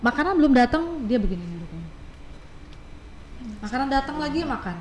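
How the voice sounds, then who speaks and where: A woman's voice: on the high side, brisk. A woman guest speaker with an Indonesian accent, chatting casually and acting out the people in her stories. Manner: animated storytelling, acts out quoted people. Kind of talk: casual talk show chat. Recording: echoey room, faint background noise.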